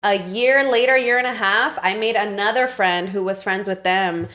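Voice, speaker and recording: A woman in her late twenties co-hosting a podcast, telling stories loudly and animatedly in casual chat. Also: mid-range voice, moderate pace. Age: late 20s. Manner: loud, animated storytelling. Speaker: podcast co-host.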